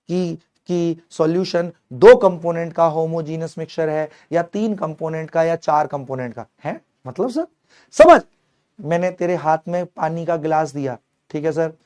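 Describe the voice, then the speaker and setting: A young male chemistry teacher giving an animated online exam-prep lecture, mixing Hindi with English terms and calling his students his kids. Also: high voice.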